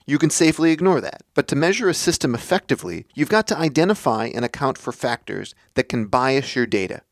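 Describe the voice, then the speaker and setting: A man hosting a podcast, delivering a scripted explanatory monologue in a measured, deliberate way. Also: medium pitch, lively intonation, no room sound, clean studio sound. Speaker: podcast host.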